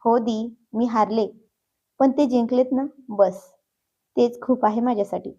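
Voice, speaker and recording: A woman voicing a feisty teenage girl who protests quickly but turns shy, in a storybook reading. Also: fairly high pitch, steady tone, a little mellow, lo-fi sound, close to an everyday voice.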